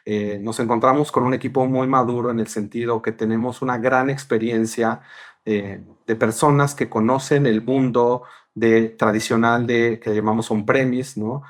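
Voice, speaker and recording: A man who is a guest on a podcast, answering interview questions with frequent "eh" fillers and repeated words. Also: mid-range voice. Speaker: podcast guest, regional partner director.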